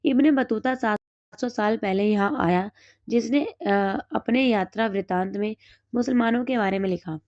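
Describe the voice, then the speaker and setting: A woman with a hoarse throat, teaching exam notes and asking and then answering her own quick questions. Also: on the high side, a little mellow, no room sound, dull audio. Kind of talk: reading through study notes.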